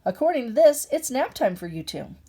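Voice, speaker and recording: In a picture book read aloud, a woman puts on a playful grandma bear who exclaims with lively, swooping delight. Her voice sits high and animated but mellow underneath. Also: brisk, breathy edge, heavily acted.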